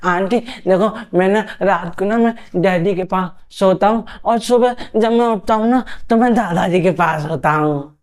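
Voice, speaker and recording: A man voicing a cheeky little boy who talks slowly and childishly and blurts out secrets. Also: high voice, slight background noise. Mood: innocent. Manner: slow, childish, drawn-out words.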